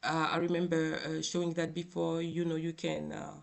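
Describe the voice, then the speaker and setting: A man with a tearful, crying voice giving an informal software tutorial in a halting, hesitant way with many filled pauses. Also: on the high side, completely flat delivery, gravelly. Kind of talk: informal screen tutorial narration.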